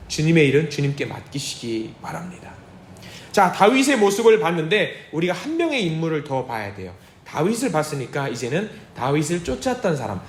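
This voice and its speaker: Animated pastor in an echoey church. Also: male voice, a little high, a little hiss or hum. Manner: animated, acts out the Bible figures' lines with sudden shouts and hushed asides. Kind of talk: sermon. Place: church sanctuary.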